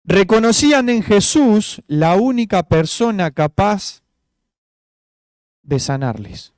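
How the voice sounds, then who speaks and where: High-voiced preacher, dry sound. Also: male voice, very animated, takes it slowly, a little mellow, no echo. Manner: informal, asks rhetorical questions, many fillers. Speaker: pastor. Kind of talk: conversational sermon.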